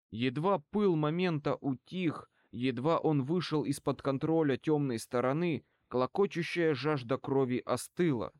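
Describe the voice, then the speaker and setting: A male audiobook reader narrates in an even, measured manner. His voice sits in a typical middle male range. The recording is dry and close, with no room echo. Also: medium pitch.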